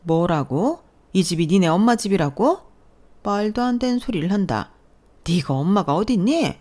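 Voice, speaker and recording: A woman's voice: medium pitch, expressive, moderate pace, a little mellow, voice pushed up, lightly acted. A woman voicing a domineering, scornful mother-in-law who scolds and belittles in a story reading. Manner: contemptuous, scolding.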